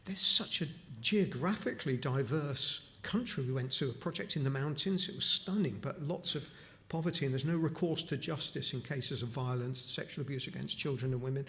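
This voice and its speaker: A middle-aged Newcastle upon Tyne man gives a chapel congregation an informal charity talk in a medium-pitched voice that's brisk, bright and forceful. He's conversational, restarting often and slipping into asides.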